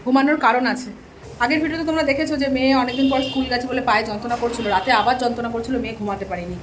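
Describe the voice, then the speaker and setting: A woman vlogging casually from her home, chatting to viewers and scolding her daughter, her throat a little hoarse. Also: fairly high pitch, fairly even intonation, very fast, background noise. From Bengal. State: throat slightly hoarse lately. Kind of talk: casual home vlog chat. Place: home kitchen and bedroom.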